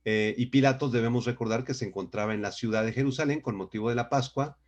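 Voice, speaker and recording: A man's voice: medium pitch, fast. A man teaching a Bible lesson over a video call, emphatic and often checking in with his listeners. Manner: emphatic, frequent rhetorical "¿sí?" checks. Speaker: pastor teaching a Bible class. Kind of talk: online Bible lecture.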